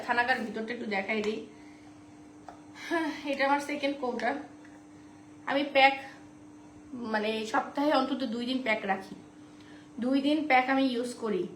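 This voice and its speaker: High-voiced woman selling on a live stream. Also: moderate pace, pauses often, a bit bright. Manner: chatty, repeats prices and offers. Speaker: online shop seller. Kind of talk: live-stream sales pitch. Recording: roomy echo, faint background noise.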